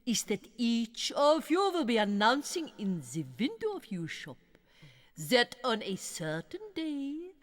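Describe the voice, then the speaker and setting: A woman's voice: fairly high pitch, big pitch swings, in a large hall. A woman playing a cruel, gleeful, short-tempered witch leader in a dramatized audiobook, with foreign-accented English and a theatrical, commanding manner. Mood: commanding, scheming. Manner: theatrical, commanding, drawn-out relish. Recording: music behind the voice.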